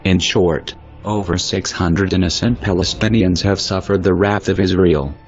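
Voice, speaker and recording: A man with a disguised, digitally deepened voice, delivering a solemn, measured statement as an anonymous spokesperson. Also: steady tone. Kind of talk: scripted statement. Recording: muffled lo-fi audio with faint music behind.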